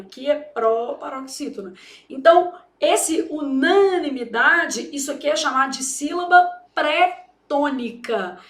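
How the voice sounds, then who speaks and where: A woman's voice: high voice, sharp tone, echoey room. A Brazilian Portuguese woman teaching grammar for exam prep, chatty and joking with her students. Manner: chatty, jokey, addresses students as "gente". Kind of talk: lively classroom lesson.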